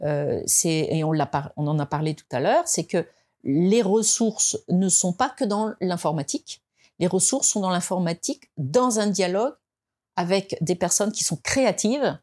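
A woman from France speaking as a guest in an interview, reflective and hesitant, with many fillers and restarts, and rising in pitch to stress her points. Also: normal speed, darkish tone. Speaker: design expert guest. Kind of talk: conversational interview.

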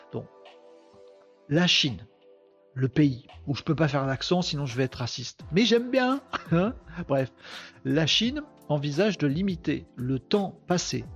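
A podcast host with a voice on the high side runs a daily live web show, commenting casually on the news. He jokes, interrupts himself, and talks to his chat, and the audio is lo-fi.

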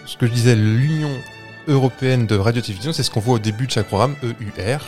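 A man's voice: mid-range voice, fast talker, a little mellow, faint music behind. A man with a French accent co-hosting a casual podcast, explaining facts with many fillers and restarts. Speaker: podcast co-host. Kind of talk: casual chat.

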